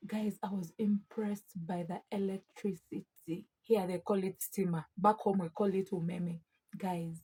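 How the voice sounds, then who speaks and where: A woman's voice: mid-range voice, husky. A young adult woman with a Ugandan East African English accent, chatting casually and emphatically to her viewers in a vlog. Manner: emphatic, expressive, often addressing listeners as friends. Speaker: vlogger.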